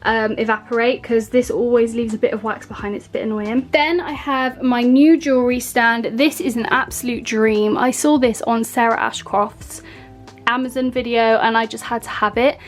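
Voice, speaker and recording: A woman's voice: on the high side, steady tone, moderate pace, soft background music. A woman in her twenties giving a casual, chatty room tour as a vlogger, gushing enthusiastically about her things. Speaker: home and lifestyle vlogger. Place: small furnished bedroom, indoors. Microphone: handheld compact camera at arm's length.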